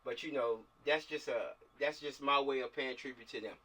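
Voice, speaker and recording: A male filmmaker runs a script table read on a video call, directing actors in a casual, slangy way and repeating himself frequently for emphasis. His medium-pitched voice is steady, pushed, and bright at a normal speed, heard through a distant mic.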